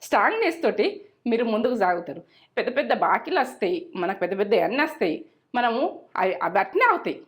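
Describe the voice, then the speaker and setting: On her cooking channel, a middle-aged woman chats in a casual way, sharing homely advice and repeating herself as she goes. She speaks quickly, her voice on the high side and very animated.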